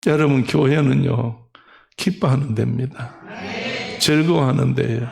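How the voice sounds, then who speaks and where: A man's voice: mid-range voice, steady tone, unhurried, vocal fry, darkish tone. A middle-aged male pastor preaching a sermon, telling a story animatedly and acting out the voices of old women.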